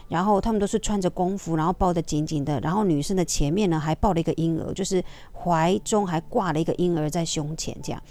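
A woman speaks in a lowish, warm, mellow voice. She is a Zumba instructor chatting casually with her viewers. Her delivery is confiding and talkative, sprinkled with little tag particles.

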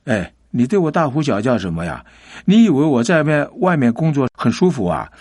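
A man's voice: medium pitch, very animated, normal speed, husky, no room sound, studio quality. A man doing a weary, overworked husband. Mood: angry. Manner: loud and defensive.

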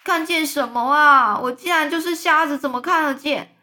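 A woman's voice: high-pitched, normal speed, voice pushed up. A woman voicing a gloomy, complaining blind earthworm in a storybook reading, whining and panicky. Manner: whiny, panicky, shouts in protest.

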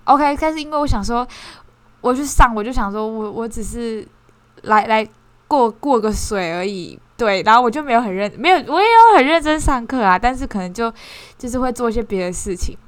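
Woman, 20s, casual sharing, animated and self-mocking, slightly high voice, dry close sound. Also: brisk, dry recording. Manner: animated, self-mocking, frequent restarts and bursts of laughter. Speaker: course participant sharing reflections.

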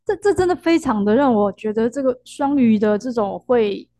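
A woman's voice: on the high side, lively intonation, normal speed, warm tone. Woman host in a Taiwanese accent. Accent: Taiwanese Mandarin. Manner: short backchannels and playful remarks. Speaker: podcast host. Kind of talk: casual chat.

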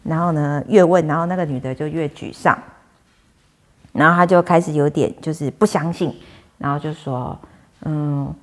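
A low-voiced woman speaking at a moderate pace tells viewers the story of a client's case. She is a fortune teller and medium, and her monologue stays casual and conversational, with plenty of fillers.

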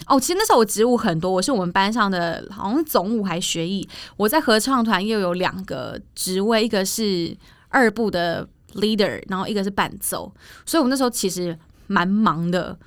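A young woman co-hosting a casual podcast, telling stories in a lively, indignant way. Her voice sits at an ordinary middle pitch. The recording is dry and close. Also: no room sound. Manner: lively storyteller, indignant asides. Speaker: podcast co-host. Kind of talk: casual chat, storytelling.

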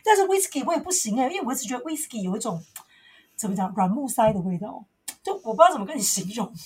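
A woman with a smoky, husky voice co-hosting a podcast in casual, teasing chat. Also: on the high side, fast. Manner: expressive, laughing, teasing. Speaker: podcast co-host.

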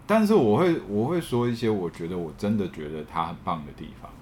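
A man's voice: fairly low pitch, animated, quick pace, a little mellow, a little hiss or hum. A man with a Taiwanese Mandarin accent chatting casually and candidly, often repeating phrases as he thinks aloud. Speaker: podcast panelist. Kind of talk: casual chat.

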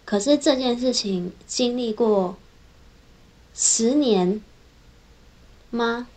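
A young woman engineer, telling her own workplace stories in a casual, chatty vlog, linking her thoughts with a steady run of "and then". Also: on the high side, drawn-out words. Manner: chatty, strings thoughts together with frequent "then". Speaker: software engineer. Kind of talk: casual personal vlog storytelling.

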